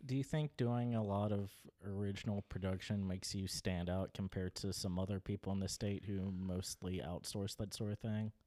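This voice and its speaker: A man's voice: sits low, steady tone, normal speed, few pauses, dark tone. A man hosting a podcast, reading the intro and asking easygoing, conversational questions. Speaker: podcast host.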